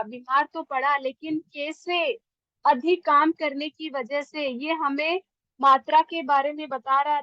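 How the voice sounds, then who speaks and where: A woman's voice: high voice, a bit bright, dry recording, highs cut off. A woman Hindi teacher explaining grammar to students, asking questions and answering them herself, dropping English words in. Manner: asks and answers her own questions, repeating example sentences.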